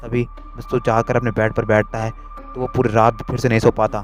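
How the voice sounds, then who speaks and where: A man narrating a spooky story in a hurried, repetitive way. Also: mid-range voice, flat delivery, soft background music.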